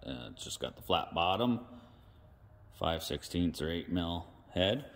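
A mechanic at his garage workbench casually narrates a carburetor rebuild, thinking aloud in folksy slang. His voice sits low and has a sing-song, slightly slow delivery. The sound carries the echo of a large hall.

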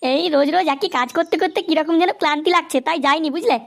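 Voicing a poor, joking street hawker in a cartoon, a woman sounds weary and downcast, sighing and repeatedly saying 'বুঝলে'. She speaks fast in a high, creaky voice.

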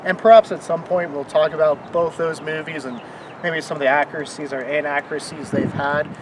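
A man's voice: on the high side, steady tone, fairly quick, slight background noise. A man co-hosting an exploration vlog, presenting chattily and enthusiastically while standing outdoors on a neighborhood street. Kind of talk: casual on-location presenting. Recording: distant voice with music bed.

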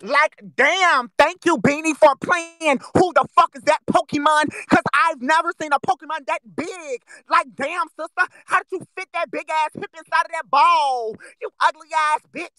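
A performer playing a brash monkey in a voice-chat roast battle, firing rapid crude insults. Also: sits high, bright, forceful tone, no echo, low-quality recording. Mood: mocking.

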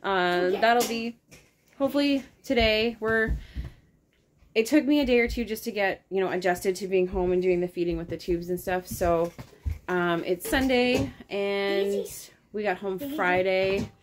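A woman's voice: medium pitch, a little slow, noisy background. Chatty mother rambling through a haul. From Canada. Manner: chatty, rambling with many ums, asides to kids. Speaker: vlogger. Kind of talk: casual grocery haul vlog. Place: home kitchen indoors. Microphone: phone camera held close.

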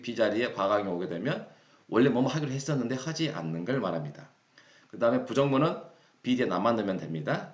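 A Korean man teaching English phrases, reading each example sentence slowly and deliberately. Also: mid-range voice. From South Korea. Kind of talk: explaining English phrases in a lesson. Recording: roomy, dull lo-fi sound.

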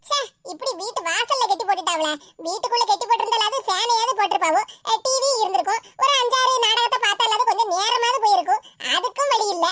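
A woman's voice: very high-pitched, fast, few pauses, fairly bright tone. A woman doing a sulky tied-up farm animal. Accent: Tirunelveli Tamil. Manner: self-pitying grumbling. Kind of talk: cartoon voice acting.

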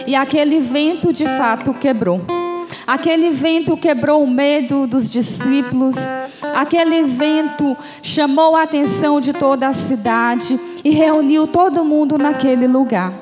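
A young woman with a Northeastern Brazilian accent, preaching at a small church's prayer group and reading scripture in a slow, gentle, inviting way. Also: sits high, music in the background. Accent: Brazilian Portuguese, Northeastern. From Bahia, Brazil. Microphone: mic on a stand at the lectern. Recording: reverberant church hall.

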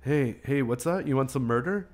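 A man's voice: mid-range voice, moderate pace. A man hosting a gaming channel, giving casual let's-play commentary in a profane, joking way. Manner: profane, joking, laughs at himself.

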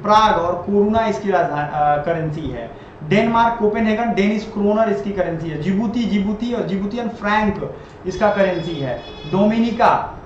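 A man's voice: high voice, darkish tone, slight background noise. A man teaching an exam-prep lesson over a map, repeating each item and quizzing the viewer as he goes. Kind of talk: classroom-style lecture over a map. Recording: very echoey, dull lo-fi room sound.

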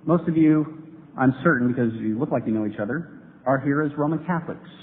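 A man with a medium-pitched voice delivers an earnest debate speech at a quick pace to a live audience in a large hall, building toward emphatic points. The recording is tinny and lo-fi, with hiss.

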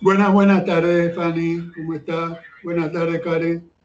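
A man on a casual video call who talks loudly by habit and sounds far from the mic, like a phone held away. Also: on the high side, little pitch movement, measured pace. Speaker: meeting participant. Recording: dull lo-fi video call audio.

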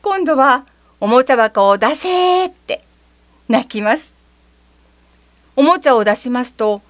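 A woman narrating a children's story gently and expressively, with a slightly theatrical touch. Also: on the high side, no room sound. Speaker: reader.

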